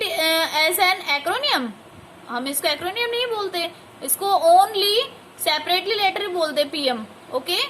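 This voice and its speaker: Woman teacher, very high bright voice, slow careful reading of English, faint hiss behind. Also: rough recording. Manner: reads English text slowly, then explains quickly; addresses students as beta. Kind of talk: English grammar lesson.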